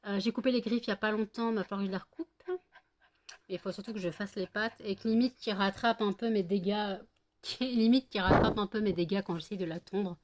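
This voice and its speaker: A woman's voice: medium pitch, fairly even intonation, fairly quick, a little mellow, a little hiss or hum. Middle-aged woman at home talking to her dogs like babies, rambly vlog chat, dogs huffing nearby. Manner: cooing pet talk, then rambling chatty explanations with many fillers. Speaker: vlogger and home candle maker. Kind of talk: casual chat to camera and baby talk to her dogs.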